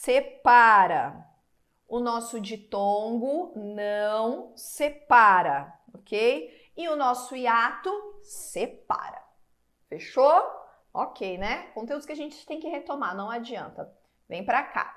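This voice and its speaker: A Brazilian woman teaching an online exam-prep class, her voice sitting a bit high. She talks slowly and draws out each example word, stopping often to check that her students follow. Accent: Brazilian Portuguese. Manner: stretches out example words syllable by syllable. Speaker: Portuguese teacher.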